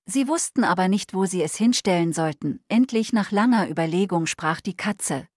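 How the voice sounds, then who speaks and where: A woman narrating a fairy-tale audiobook for bedtime in a calm, measured, soothing way. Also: mid-range voice, no echo, studio quality.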